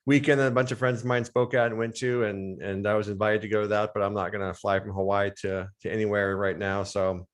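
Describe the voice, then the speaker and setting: An American strength and conditioning coach, appearing as a podcast guest, explains things fluently in casual interview chat. His voice is fairly low, with little pitch movement, and he talks quickly with few pauses.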